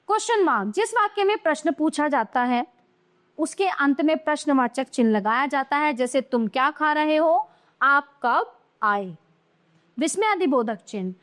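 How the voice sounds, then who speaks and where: A woman teaching a grammar lesson to young children, explaining patiently and answering her own questions. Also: high voice.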